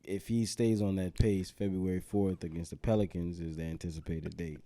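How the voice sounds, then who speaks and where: A man's voice: low-pitched, flat delivery, moderate pace, dark tone, no room sound. A man co-hosting a sports podcast, casually quoting stats and pressing his co-hosts with repeated questions in slangy speech. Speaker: podcast co-host.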